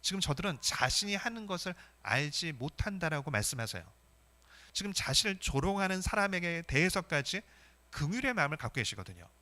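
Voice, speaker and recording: A man preaching a Sunday sermon as pastor, emphatic and animated, asking the congregation rhetorical questions. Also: on the high side, a little fast.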